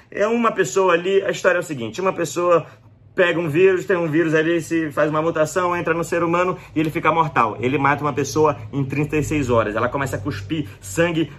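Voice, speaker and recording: Brazilian male comic vlogger, husky and slightly high voice, crude exaggerated rants. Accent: Brazilian Portuguese. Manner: profane, exaggerated, acts out scenes with coughs. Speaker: comedy vlogger. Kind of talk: rambling comic monologue. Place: indoors at home.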